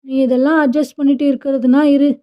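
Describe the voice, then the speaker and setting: A woman's voice: high-pitched, level tone, fast talker, natural voice. A woman storyteller voicing a rich young man who speaks bluntly and dismissively. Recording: dull lo-fi recording.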